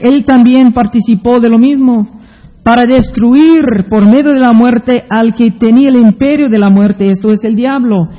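A man preaching a sermon, reading Bible passages aloud in a slow, deliberate way. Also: very high voice, dark tone. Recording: long hall reverb.

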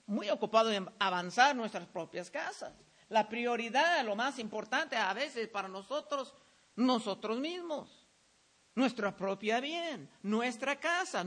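A middle-aged man preaching a sermon, reading Bible verses slowly and telling a lively story from his week. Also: extremely high pitch. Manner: lively storytelling, says he was shouting. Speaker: pastor.

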